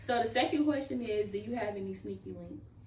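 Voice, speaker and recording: A woman in her late twenties speaks bluntly and swears freely in relaxed chat. She is heard from a distance in an echoing room over faint background hiss. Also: medium pitch, a little fast. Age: 20s. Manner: blunt and profane, matter-of-fact. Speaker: guest co-host. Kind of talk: casual chat. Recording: roomy, distant mic with faint noise.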